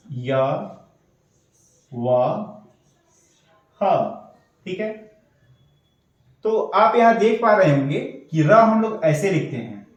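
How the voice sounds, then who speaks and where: A man's voice: fairly high pitch, very echoey, distant mic, rough recording. A man teaching an online shorthand class, explaining step by step and checking in often. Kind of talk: online lesson.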